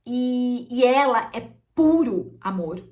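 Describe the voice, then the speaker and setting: This therapist, a woman whose fairly high voice has a slightly mellow quality, recounts a personal story slowly but with animation. Heartfelt and emotional, she confides in her listeners and keeps checking in on them, sprinkling in "né" often. Her voice sits a little away from the microphone.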